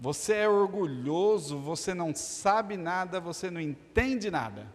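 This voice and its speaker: In a church hall with noticeable reverb, a Brazilian pastor preaches a sermon, moving from jokes and storytelling to emphatic lists of stressed words. His voice is high, with lively intonation and a measured pace.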